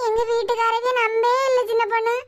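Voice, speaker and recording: A woman's voice: very high-pitched, monotone, brisk. A woman voicing a gossipy, fussing middle-aged village woman in a cartoon, with a Kanyakumari Tamil accent and a dramatic, scolding manner. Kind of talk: cartoon web series voice acting. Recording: loud background noise.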